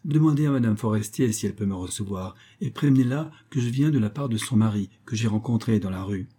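A timid young man fumbles for words in a hesitant, apologetic way, voiced by a man reading a novel. The voice is low and dark. A husky grain runs through it. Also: fast talker.

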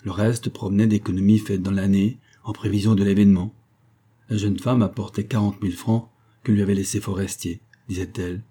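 A man reading a classic novel aloud as an audiobook narrator, in a measured literary style. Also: on the low side, flat delivery, dark tone, slightly rough.

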